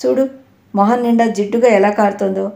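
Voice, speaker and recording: A woman reading the part of a lively, take-charge young married woman in a teasing, bossy manner, in an echoey room. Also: medium pitch, fairly quick, gravelly, natural voice.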